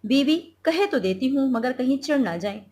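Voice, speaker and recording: A woman's voice: high-pitched, lively intonation, dark tone, pitched above the performer's own voice. Woman reading as a harried, snappish housewife. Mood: worried. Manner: exasperated, hurried, read aloud from a play.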